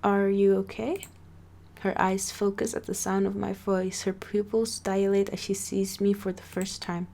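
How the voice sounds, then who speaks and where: A woman's voice: medium pitch, flat delivery, normal speed, vocal fry, hardly any pauses, a little mellow. A woman reading a first-person story aloud, often tripping over words and restarting them, and breaking in with casual asides. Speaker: story reader.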